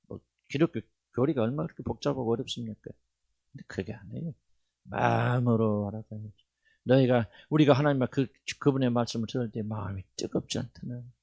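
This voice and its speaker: Middle-aged male pastor, Jeolla accent, gravelly voice in a dry, close sound, animated sermon delivery that swings from loud to hushed. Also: mid-range voice, no room sound. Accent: Jeolla dialect. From Jeolla, South Korea.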